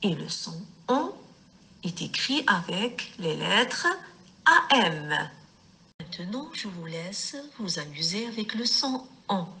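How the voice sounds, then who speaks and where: Slow, lively-voiced woman teaching children. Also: on the low side. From Morocco. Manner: deliberate, word-by-word, stressing each syllable; affectionate toward pupils. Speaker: primary school teacher. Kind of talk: slow reading lesson for young children.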